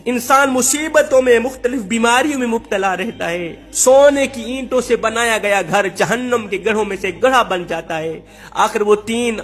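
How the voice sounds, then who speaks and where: High-voiced emphatic male preacher. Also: a bit bright. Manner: emphatic, repeats phrases for effect. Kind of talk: religious storytelling sermon.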